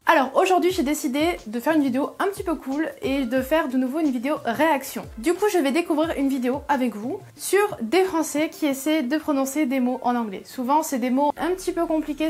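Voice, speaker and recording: A woman's voice: high voice, darkish tone. Woman explaining English pronunciation. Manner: thinks aloud while sounding out words. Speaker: host of an English-learning channel. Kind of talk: reaction video commentary.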